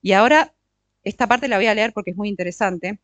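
A woman's voice: mid-range voice, a bit bright, dry recording. Dry-voiced woman teaching, checking in often. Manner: checks in with listeners often with short tag questions; slows down to stress key words. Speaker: workshop speaker on marriage and emotions. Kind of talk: teaching talk with audience interaction.

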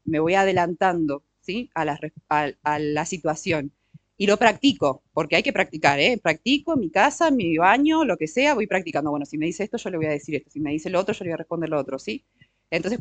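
A middle-aged woman teaching a workshop on marriage and emotions, often checking in with her listeners with short questions and slowing down on key words. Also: fairly low pitch, no room sound. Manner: slows down to stress key words. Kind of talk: teaching talk with audience interaction.

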